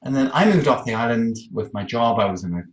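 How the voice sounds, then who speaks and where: A man from the Isle of Man, UK, with a British accent, tells personal stories conversationally as an interview guest and social media expert on an online video call from a room. His mid-range voice is animated and fast, and the call sounds roomy and echoey.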